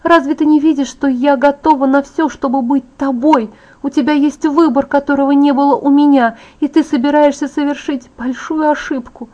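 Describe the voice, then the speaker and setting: A woman's voice: a little high, moderate pace, a little mellow, lightly acted. A woman reading as a vain, bitter vampire beauty. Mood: passionate, angry. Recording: dull lo-fi audiobook audio.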